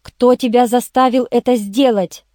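A woman's voice: fairly high pitch, steady tone, a little slow, a little mellow, no room sound, studio quality, lightly acted. A woman reading the lines of a blunt male journalist questioning a suspect in an audiobook. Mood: interrogating. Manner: harsh, interrogating.

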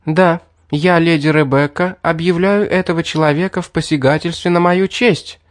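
A man doing a haughty, shrill young noble lady. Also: fairly even intonation, normal speed, no echo, clean studio sound, lightly acted. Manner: high, shrill and imperious.

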